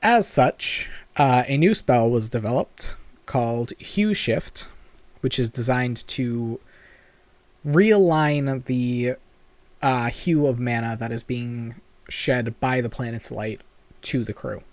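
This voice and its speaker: A man serving as game master, recapping the last session in a slow, unhurried way. His talk is full of fillers, halting restarts and small laughs. The sound is close and dry, with no room around it. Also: medium pitch, darkish tone, no room sound.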